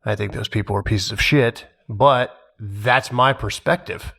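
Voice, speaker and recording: A man's voice: lowish voice, unhurried, vocal fry, fairly bright tone. A man on a casual roundtable, speaking bluntly and giving strong opinions. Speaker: podcast panelist and advantage player.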